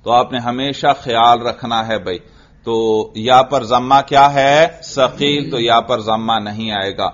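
A man teaching an Arabic grammar lesson, asking his students questions, answering them himself, and drawing out the example words slowly. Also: medium pitch, steady tone, a bit bright. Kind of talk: classroom lesson. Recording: dull lo-fi recording.

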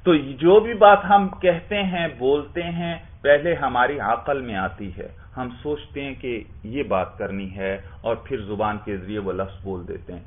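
A man's voice: mid-range voice, hardly any pauses. A man teaching a class, explaining step by step and asking his students questions that he then answers himself. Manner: explains with repeated questions and answers, often adds "bhai". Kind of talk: classroom lecture. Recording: tinny phone-like sound.

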